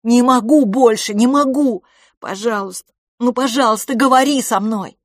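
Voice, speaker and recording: A woman's voice: a little high, normal speed, dry recording, clean studio sound, voice pushed up, close to an everyday voice. A woman doing a desperate pleading boy. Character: frightened pleading young boy twin.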